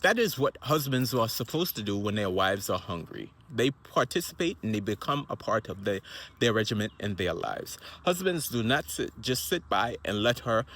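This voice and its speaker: With a fairly low voice that swings widely in pitch, this minister talks at a moderate pace in a bit of a bright tone. His motivational monologue on health and family rambles, repeats itself, and drifts into asides.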